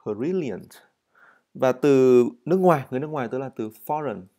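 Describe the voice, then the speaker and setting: A man's voice: medium pitch, animated, warm tone. Man teaching English pronunciation. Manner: models English words slowly, then explains quickly. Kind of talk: vocabulary and pronunciation lesson.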